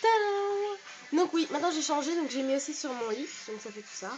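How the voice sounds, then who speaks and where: A woman's voice: high voice, fast, over music. A woman in her bedroom giving a casual show-and-tell of her toy collection, chatty and full of hesitations as she reels off prices.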